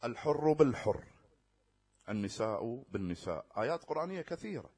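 A man preaching a religious sermon in a casual spoken style. He swings between loud, rising stresses and quiet, low asides, draws out scripture slowly, and keeps checking that his listeners follow. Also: very animated, slightly rough. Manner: slow drawn-out recitation of scripture; addresses listeners directly and checks they follow.

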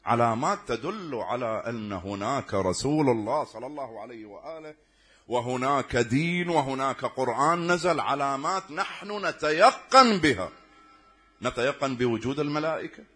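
A man's voice: mid-range voice, a bit bright, slightly rough. A man preaching a sermon, often putting rhetorical questions to his listeners.

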